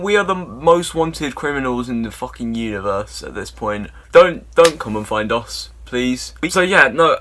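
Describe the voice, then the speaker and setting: Young guy, bright voice, mid pitch, telling a silly tale with casual swearing and dry humor. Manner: rambling, sweary, deadpan absurd humor. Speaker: storyteller. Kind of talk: comic storytime monologue.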